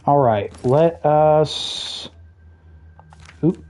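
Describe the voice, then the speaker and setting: A game streamer chatting casually over gameplay, explaining mechanics with dry jokey asides, throat a bit rough with the odd cough. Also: mid-range voice, drawn-out words, dark tone. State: throat trouble, occasional coughing.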